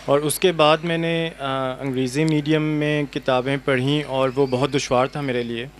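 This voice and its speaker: A man's voice: medium pitch, a little hiss or hum. A young adult man, a translator, speaking reflectively and earnestly on a panel with many hesitations. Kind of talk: panel conversation. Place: outdoor university courtyard event.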